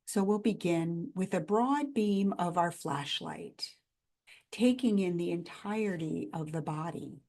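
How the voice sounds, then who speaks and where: Her voice sits lowish with some vocal fry as she guides a body scan meditation. She speaks gently and calmly, giving instructions in measured phrases separated by pauses.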